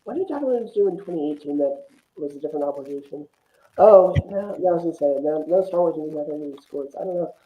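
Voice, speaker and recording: Speaking quickly and expressively in a slightly high voice, a man joins a podcast panel for casual film talk. His sound is reverberant and arrives over a muffled, thin connection that resembles a phone line.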